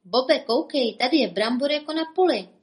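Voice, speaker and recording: A woman's voice: on the low side, animated, lightly acted. A woman voicing a curious, easily startled male cartoon rabbit who asks anxious questions. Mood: wondering.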